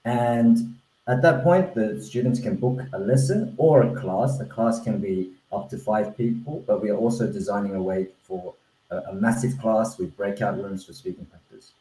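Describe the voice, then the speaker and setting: Speaking at a moderate pace with fairly low pitch, a mellow-voiced Australian man presents his language-learning platform in an online webinar. He is its founder, and Korean is his first language. The video-call recording has roomy echo, and he talks earnestly with many restarts and fillers.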